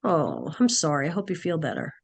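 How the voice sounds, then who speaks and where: Hoarse woman teacher with a cold, raspy, halting, thinks aloud mid-sentence, video-call class. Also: sits low, wildly swooping pitch. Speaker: nursing class instructor. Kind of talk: online class session.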